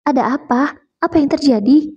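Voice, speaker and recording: A woman's voice: high-pitched, fairly quick, mellow, lo-fi sound, voice pushed up, lightly acted. A woman voicing a talkative, doting mother who scolds lovingly. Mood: fussing.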